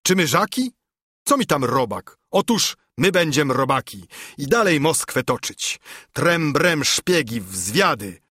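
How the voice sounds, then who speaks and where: A man voicing a loud, boisterous nobleman who shouts that he only wants to fight. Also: a little high, husky, dry recording, studio quality, full character voice.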